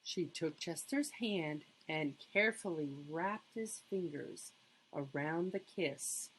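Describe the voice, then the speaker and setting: Female children's storybook narrator: husky, slow, deliberate, expressive delivery. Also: low-pitched, poor audio. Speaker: story reader.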